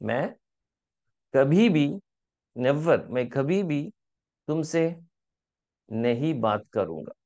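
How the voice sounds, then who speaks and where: A man teaching a language lesson, asking learners questions and saying phrases slowly for them to repeat. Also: a little high, lively intonation, a little mellow. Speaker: spoken Hindi teacher. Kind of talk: language lesson, drilling example sentences.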